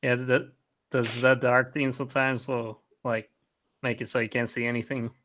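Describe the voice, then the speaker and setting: A man's voice: medium pitch, flat delivery, moderate pace, fairly bright tone, slight background noise. A man co-hosting a tech podcast, talking casually and hesitantly, full of "like" and "you know". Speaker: podcast co-host.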